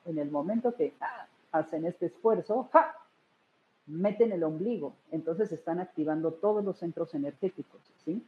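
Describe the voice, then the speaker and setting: Woman, deep-ish voice, teaching energy stuff, sounds like a phone line. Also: moderate pace. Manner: warm-hearted, explanatory, addresses listeners directly. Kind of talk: spiritual wellness talk. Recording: tinny phone-like line with faint hiss.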